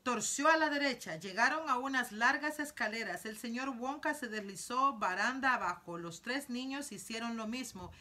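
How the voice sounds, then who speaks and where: A woman's voice: a little high, animated, normal speed, few pauses, pushed and bright. A woman reading a children's novel aloud as storytime reader, with a storytelling manner and asides to young listeners.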